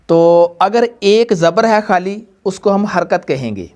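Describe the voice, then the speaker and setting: With a high-pitched, expressive voice of darkish tone, a man leads a Quran reading lesson for students and viewers. He drills slowly and patiently, repeating points and quizzing the class in call-and-response.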